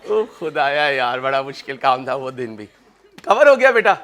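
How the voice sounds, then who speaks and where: Very animated, this man lectures on accounting in a mid-range, slightly bright voice at a moderate pace, with a faint hiss or hum in the recording. He trades jokey personal stories with worked examples and keeps calling his students "kids."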